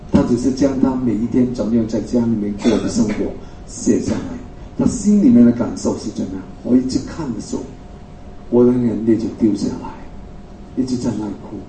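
Man, faith testimony, animated retelling, dark tone, distant roomy sound. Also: mid-range voice. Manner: animated retelling, voice leaping up in agitation. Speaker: testimony speaker. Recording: echoey room, mic far off, faint hiss.

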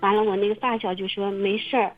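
Woman, halting, repeats words, husky, phone-line sound, faint music behind. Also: medium pitch, flat delivery. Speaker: testimony guest. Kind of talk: casual personal testimony. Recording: muffled phone-line radio recording.

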